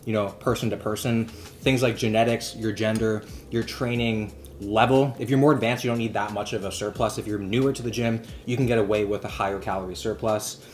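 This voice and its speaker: A man's voice: on the low side, fairly even intonation, brisk, darkish tone, slight background noise. A young man chatting casually and jokingly in a fitness vlog, explaining diet tips. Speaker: fitness vlogger.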